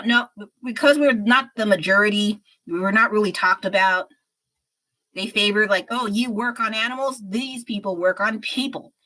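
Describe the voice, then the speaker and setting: An American woman streamer with a medium-pitched, sharp-toned voice chats casually while painting on a livestream. She's frank and rambling and sounds slightly unwell. The audio quality is poor.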